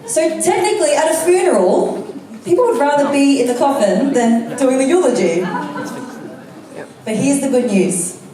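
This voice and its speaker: An Australian speaking coach whose first language is Vietnamese cracks jokes on stage before a live audience, landing punchy lines with deliberate pauses. Her high, mellow voice is expressive. The room is echoey and the mic distant.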